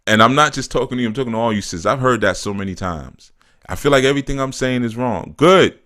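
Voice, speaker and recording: A man's voice: medium pitch, quick pace, a bit bright. A man talking casually on a live stream, reading viewers' comments aloud and answering them, often laughing and saying "you know" and "man". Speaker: spiritual teacher answering live chat.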